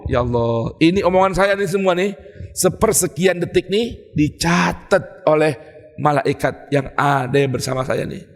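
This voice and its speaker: A man preaching a lively morning sermon, talking straight to his congregation in a casual, animated way. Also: fairly high pitch. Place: mosque. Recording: long hall reverb in a mosque.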